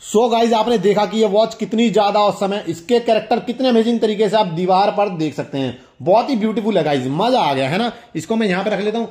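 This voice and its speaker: Hosting a toy review, this young man speaks in a high, darkish voice, fairly quickly and with hardly any pauses. His casual talk to viewers is enthusiastic and packed with exclamations, and he repeats himself as he shows things off.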